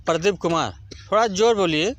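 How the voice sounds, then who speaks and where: A man's voice: high-pitched, fairly quick. A man working as a news reporter, questioning someone and insistently repeating answers back. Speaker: local TV news reporter interviewing. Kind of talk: field interview questioning.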